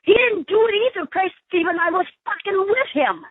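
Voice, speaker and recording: A woman comes through a prison phone line, high-pitched and tinny, snapping back with blunt, cursing answers. The line is narrow and thin, and her voice sounds dry and close. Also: a little fast, dry recording. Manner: blunt, angry, swearing. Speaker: inmate's sister on a call.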